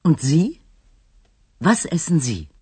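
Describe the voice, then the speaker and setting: A wry hotel manager speaks in a very low, husky voice with slow, lively phrasing. The sound is dry and close. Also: female voice, no room sound, heavily acted. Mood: amused. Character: ironic female hotel manager, amused.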